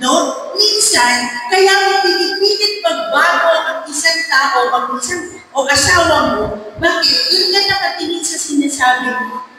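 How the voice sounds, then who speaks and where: A middle-aged Filipino woman giving a lively personal talk to a church group, teasing and asking the audience questions. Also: very high-pitched, measured pace. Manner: mixes in English words, teasing, asks the audience questions. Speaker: speaker at a marriage encounter gathering. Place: parish hall. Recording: echoey hall, from far off, faint background noise.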